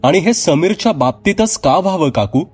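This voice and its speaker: A frightened young woman, loyal and earnest, her voice lifted and pleading, as a man reading a horror story acts her out. The tone is husky and slightly breathy. Faint music plays underneath. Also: a little high, lively intonation, moderate pace, darkish tone, pitched above the performer's own voice. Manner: pleading, raises voice in distress.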